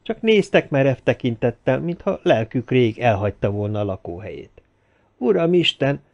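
A man reading an audiobook aloud in a steady, expressive storytelling manner. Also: mid-range voice. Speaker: audiobook narrator. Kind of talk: audiobook narration. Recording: slightly dull lo-fi audio.

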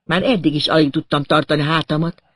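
A man reading an audiobook voices a gruff, weary police inspector who grumbles and sometimes pleads. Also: on the high side, fairly even intonation, a bit bright, dry recording, studio quality. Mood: pleading. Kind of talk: audiobook character voice.

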